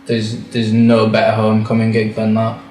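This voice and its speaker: Flat-voiced emotional man. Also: fairly low pitch, normal speed, reverberant, soft background music. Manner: emotional, close to tears. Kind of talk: documentary interview.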